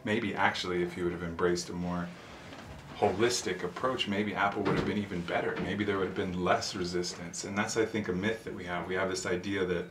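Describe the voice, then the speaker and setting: Echo and a steady hum of background noise fill this small sauna, where a man in his thirties, a show host being interviewed, speaks in a low-pitched voice at a slightly quick pace. His talk is relaxed, thoughtful, sincere and philosophical.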